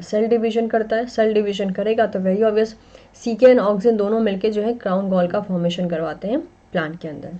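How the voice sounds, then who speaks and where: A young Indian woman teaching botany in an online exam-prep lecture, explaining step by step and often pausing on "that is" and "theek hai". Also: mid-range voice, dark tone. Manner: explains in mixed Hindi and English, frequent "that is" and "ठीक है". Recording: slightly dull lo-fi audio.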